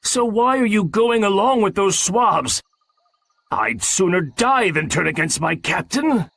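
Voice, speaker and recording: A man voicing a brave honest sailor, hoarse and shaky in a storybook reading. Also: high-pitched, expressive, a little slow, fairly bright tone, pitched above the performer's own voice, exaggerated voice. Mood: pleading.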